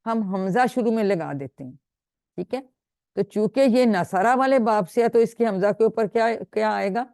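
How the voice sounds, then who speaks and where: A woman's voice: mid-range voice, a little mellow, dry recording, clean studio sound. A woman teaching an online Quran grammar class, patiently drilling students and praising them. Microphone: video call.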